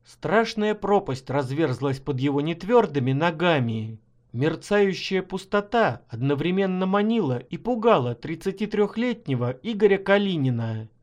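A man narrating his own short story as an audiobook in a measured, expressive way. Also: on the high side. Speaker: author reading his stories.

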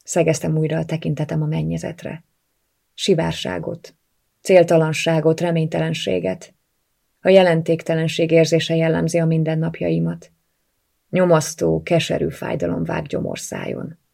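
Gravelly woman narrating an audiobook. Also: low-pitched, warm tone. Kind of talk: first-person novel narration.

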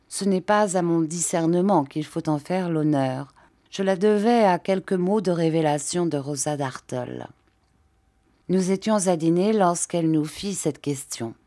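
A woman narrating a classic novel as an audiobook, reading in a steady, measured way. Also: low-pitched, dry recording, studio quality.

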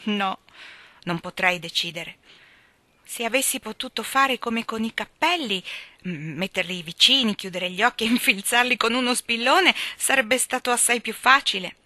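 A woman's voice: fairly high pitch, normal speed, bright, forceful tone, no echo, voice pushed up. A woman voicing a flighty, vain eighteen-year-old rich girl in an audiobook, gushing and theatrical. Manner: theatrical, gushing, swooping emphasis. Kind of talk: audiobook character reading.

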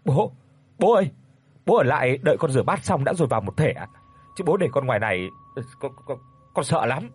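A frightened young woman stammers and pleads in a high, shaky voice, as a male narrator puts her on. Her pitch jumps up and down, with a husky edge. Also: sing-song, brisk. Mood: terrified.

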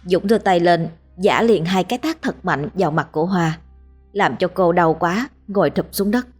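A woman with a husky, lowish voice reads a ghost story in a steady, dramatic way. Faint music runs quietly behind her narration. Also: moderate pace.

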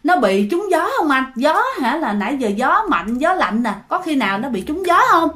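A woman's voice: sits high, very animated, normal speed, bright, forceful tone, heavily acted. A woman voicing a worried young woman who asks uneasy questions in a ghost story she narrates.

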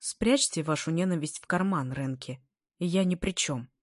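Woman reading as a cool-headed honest schoolboy, serious, even, low voice. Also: normal speed, no echo, studio quality. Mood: calm. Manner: calm, serious, slightly mocking. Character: calm honest serious young student.

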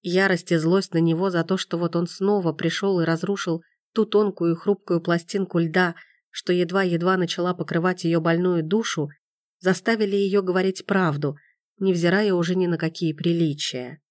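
A woman narrating a romance audiobook in a measured, expressive way. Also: lowish voice, no room sound, studio quality.

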